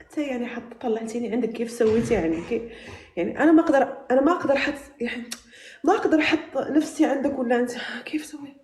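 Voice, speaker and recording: A woman's voice: sits high, racing, a little mellow. A woman with a slightly raised voice pleads and refuses again and again on a video call. The sound is echoey, with faint noise behind her. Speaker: prank target on a video call.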